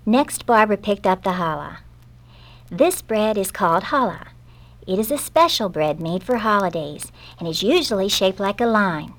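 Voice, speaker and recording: Woman gently reading a children's story. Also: medium pitch, animated, moderate pace.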